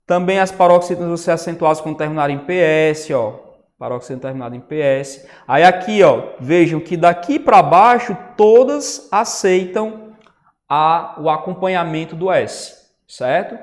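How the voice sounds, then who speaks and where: Man, grammar teacher, fairly high voice, long reverb, patient explaining, frequent check-ins. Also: animated, moderate pace. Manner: explanatory, says "né?" and "ó" often. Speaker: Portuguese teacher. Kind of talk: online lecture on grammar. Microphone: writing on a tablet while talking.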